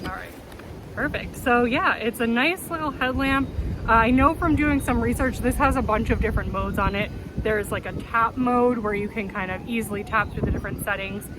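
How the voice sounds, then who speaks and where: A woman's voice: a little high, normal speed. An upbeat woman talking casually and enthusiastically to viewers as she presents hiking gear. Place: outdoors in a windy city backyard. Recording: noisy outdoor city ambience, wind and traffic. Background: wind, vehicles, urban outdoor noise.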